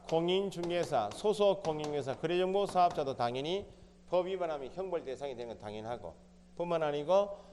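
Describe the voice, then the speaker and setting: A man's voice: fairly high pitch, a little mellow, in a large hall, slight background noise. A man teaching an exam prep lecture, asking the class questions and answering them himself. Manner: quizzing, asks and answers his own questions. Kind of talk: recorded lecture.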